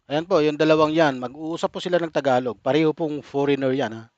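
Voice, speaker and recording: A man's voice: a little high, brisk, a little mellow, no echo. Filipino man, emphatic commentator, dry dull sound. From Philippines. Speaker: reaction video host. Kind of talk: informal commentary to viewers.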